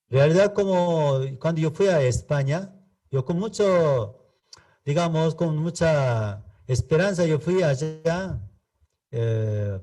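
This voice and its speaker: Slow, deep-toned pastor speaking Spanish. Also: male voice, mellow, distant mic. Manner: halting, repetitive non-native Spanish with frequent tag questions. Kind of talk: Bible seminar teaching.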